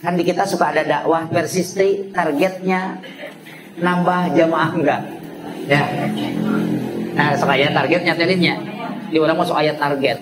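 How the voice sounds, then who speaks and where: A male preacher with a Sundanese accent giving a lively, joking sermon to a women's gathering, mixing in sound imitations. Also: a little high, unhurried, long pauses, background noise. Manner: switches between Indonesian and Sundanese, jokes, imitates sounds. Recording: echoey room with audience.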